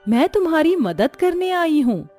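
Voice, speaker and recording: A benevolent goddess in a cartoon story, voiced by a woman, calm and reassuring. She gives blessings in a slow, measured tone, with her voice pitched fairly high. Faint music plays behind.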